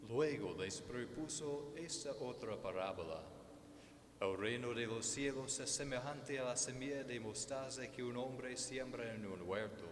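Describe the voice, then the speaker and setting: A man reading the Gospel as a priest at Mass, in a solemn, measured, formal way, with a cathedral echo. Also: medium pitch. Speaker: priest celebrant. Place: large church during Mass. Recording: echoey church, long reverb, faint noise.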